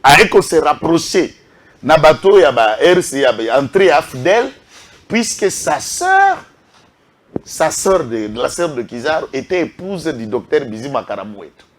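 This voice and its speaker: A man's voice: a little high, very animated, a little slow, slight background noise. A man with a Congolese French accent giving impassioned political commentary, emphatic and full of rhetorical questions. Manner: emphatic, rhetorical questions, lists names with a repeated "est qui?".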